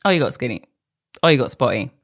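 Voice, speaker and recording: An adult woman hosts her own podcast alone, speaking candidly and conversationally and sometimes drifting off topic. Her voice is extremely low, very animated, and fast.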